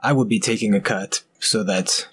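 Man playing a matter-of-fact captain, low and steady. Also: normal speed, breathy edge. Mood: calm. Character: calm male airship captain.

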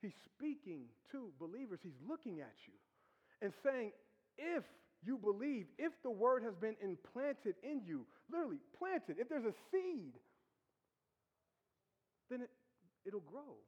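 A man preaching with a high voice, teasing and conversational as he works the congregation with rhetorical questions. His sermon rings out in a church hall with a long reverb and a dull, muffled tone. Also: big pitch swings, measured pace, breathy edge. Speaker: pastor.

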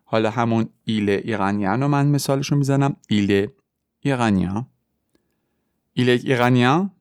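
A man teaching a French lesson, explaining step by step and repeating French example sentences slowly. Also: fairly low pitch, darkish tone, clear, resonant tone, no room sound, studio quality. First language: Persian. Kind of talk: podcast language lesson.

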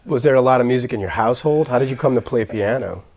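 A man's voice: mid-range voice, quick pace, darkish tone. A man interviewing a musician, asking casual follow-up questions and giving short encouraging replies. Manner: brief encouraging responses and questions.

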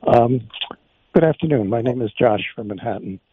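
Muffled man on a bass-only phone line. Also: lively intonation, husky, no echo. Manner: polite, measured, careful phrasing. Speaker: caller to a radio show. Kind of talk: call-in conversation.

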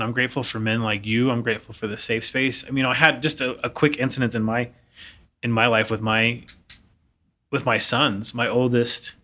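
A man's voice: mid-range voice, sharp tone. A man in his thirties co-hosting a podcast, telling a personal story earnestly in casual conversation. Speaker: podcast co-host. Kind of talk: casual chat.

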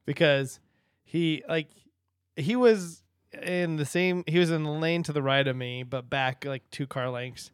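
A man's voice: a little high, a little slow, smooth, dry recording, studio quality. A man co-hosting a casual podcast, telling a rambling story and laughing often. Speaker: podcast co-host. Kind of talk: casual chat.

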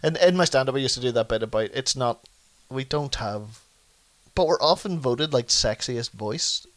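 A man's voice: mid-range voice, animated, moderate pace, a bit bright. A man with a Northern Irish accent hosting a casual comedic podcast chat, joking and laughing often. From Northern Ireland. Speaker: podcast host.

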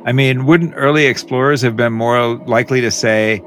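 A man co-hosting a podcast in casual banter, jokey and quick to laugh. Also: mid-range voice, a bit bright, a little hiss or hum. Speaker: podcast co-host.

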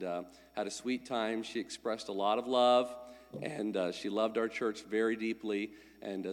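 A male pastor with a voice on the low side gives a friendly, conversational sermon with announcements into a pulpit microphone. He is congested from a lingering cold. The church sanctuary adds a long church-hall reverb.

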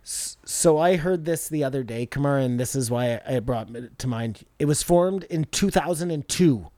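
A man's voice: mid-range voice, moderate pace, dark tone, dry recording. A man co-hosting a podcast in casual chat, speaking in an offhand, joking way. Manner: offhand, jokey, loose talk. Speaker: podcast co-host.

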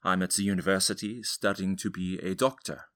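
A man's voice: low-pitched, steady tone, brisk, fairly bright tone. An actor playing an earnest young male student who leads a resistance group, explaining things step by step in a dramatized historical interview. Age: 20s. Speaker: interview guest.

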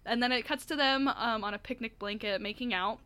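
A woman's voice: a little high, fairly quick, sharp tone, clean tone. A woman co-hosting a casual podcast, retelling a video with lots of giggling, still getting over a cough. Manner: giggly, retells stories animatedly. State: lingering cough. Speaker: podcast co-host. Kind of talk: casual chat.

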